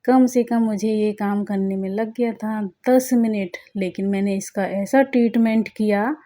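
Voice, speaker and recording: A woman's voice: medium pitch, steady tone, measured pace, mellow. A middle-aged woman narrating her home vlog in a chatty, playful way, joking with viewers as she goes. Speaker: vlogger.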